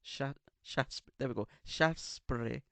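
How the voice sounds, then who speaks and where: Co-hosting a casual podcast chat, this man has an English accent and a camp, theatrical, teasing style. His voice is medium-pitched, creaky and fairly bright, at a measured pace. It's recorded dry on a studio microphone.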